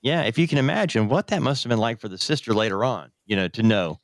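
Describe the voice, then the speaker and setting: A man's voice: mid-range voice, expressive, fast, no echo, studio quality. A man hosting a true crime podcast, retelling a case in a conversational way. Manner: conversational storytelling. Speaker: podcast host.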